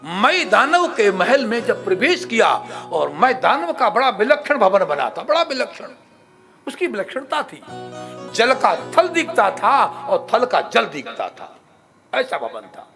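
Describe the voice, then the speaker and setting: A man's voice: very high-pitched, big pitch swings, unhurried. A man teaching a devotional scripture sermon at an ashram, repeating phrases for emphasis and quizzing his listeners. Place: ashram hall. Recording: clear music playing under the voice. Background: plucked string music.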